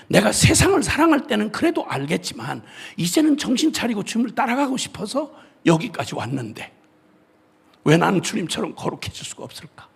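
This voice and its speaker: A male missionary preacher giving an impassioned sermon at a revival meeting, often shouting, with a gravelly, husky voice. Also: sits high.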